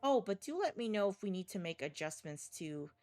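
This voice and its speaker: A man's voice: sits high, very animated, fairly quick, a little mellow, clean tone. A woman voicing a genteel, condescending male boss with a courteous manner. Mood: smug.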